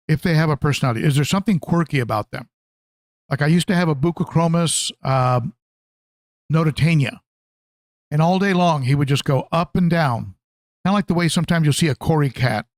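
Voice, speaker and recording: A man hosting a casual aquarium-hobby livestream answers viewers in a conversational, halting way, often repeating phrases. His voice is on the high side, and there's no echo.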